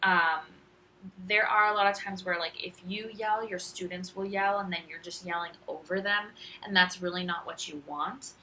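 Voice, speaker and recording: A woman's voice: lowish voice, steady tone, moderate pace, pushed and bright, a little hiss or hum, poor audio. A woman teacher giving a casual instructional talk, walking through classroom tips in a chatty, conversational way.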